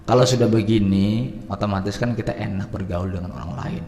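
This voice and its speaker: A man teaching at a religious study gathering, animated, swinging between loud and soft and mixing in Arabic phrases. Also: on the low side, fairly quick, big-room sound. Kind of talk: lively Islamic study talk.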